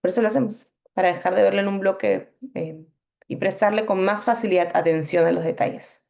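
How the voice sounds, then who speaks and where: A woman's voice: medium pitch, a little fast, gravelly, a little mellow. A young woman teaching a Bible meditation workshop, explaining patiently with fillers and frequent checks that the class is following.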